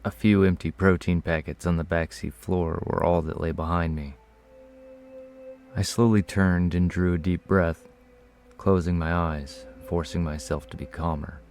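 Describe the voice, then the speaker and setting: A man reading a first-person horror story in a measured, low-key way. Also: steady tone, a little mellow, a little hiss or hum. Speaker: narrator. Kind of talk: scripted horror story narration.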